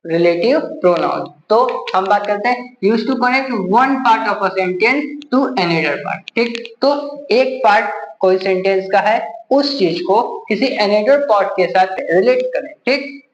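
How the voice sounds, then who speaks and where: High-voiced man teaching grammar, echoey room. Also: animated, slow pace, highs cut off, a little hiss or hum. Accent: Hindi. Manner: repeats rhetorical questions to the class. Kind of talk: classroom grammar lesson.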